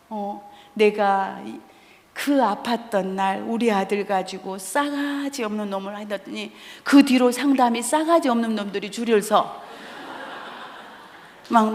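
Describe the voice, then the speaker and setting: A middle-aged woman, a counseling professor, giving a guest sermon in a church, blunt and lively, acting out the voices in her stories with comic timing. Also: a little high. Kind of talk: sermon with anecdotes. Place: church sanctuary. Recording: echoey church hall.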